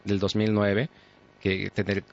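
Guy on radio, low gravelly flat voice, hesitant, muffled. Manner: measured, hesitant, many restarts. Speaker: radio co-host. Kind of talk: casual radio chat. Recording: dull lo-fi radio sound.

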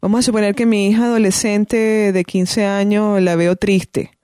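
Her mid-range voice is level, smooth and a little mellow, moving at a moderate pace as she speaks thoughtfully as a parenting guest. She gives conversational advice full of restarts and fillers, in a dry, studio-quality recording.

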